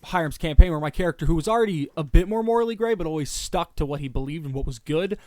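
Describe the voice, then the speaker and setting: A man's voice: on the high side, fast, dry recording. Young man telling game stories. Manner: animated, storytelling about a game. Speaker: podcast host. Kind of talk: casual chat.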